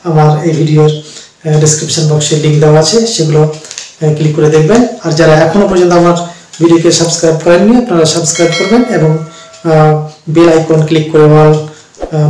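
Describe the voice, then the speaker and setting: A man patiently explains a reading lesson, repeating points and pausing often to hesitate. His voice sits a little high. He sounds distant from the mic, in a room with heavy echo. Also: mellow, slight background noise. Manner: slow, repetitive, with frequent hesitations. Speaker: English teacher. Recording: very echoey room, voice far from the mic.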